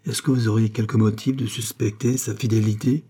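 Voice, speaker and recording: A man's voice: fairly low pitch, fairly even intonation, brisk, warm tone, breathy edge. A man reading an audiobook, voicing a proud young nobleman who presses his questions earnestly. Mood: insistent. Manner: insistent, earnest.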